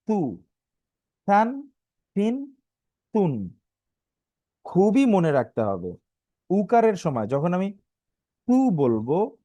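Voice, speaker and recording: A man's voice: on the high side, mellow, no echo. Patient man drilling letter sounds. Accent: Bangladeshi Bengali. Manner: patient, drills syllables slowly and asks learners to repeat; stretches out some sounds, half singing. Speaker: Arabic letters teacher. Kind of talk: online live lesson.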